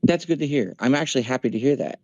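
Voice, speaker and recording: A man's voice: mid-range voice, fast talker, darkish tone, no room sound, highs cut off. A man in his forties in a casual voice chat, talking emphatically and venting with profanity. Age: 40s. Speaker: streamer. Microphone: voice chat mic.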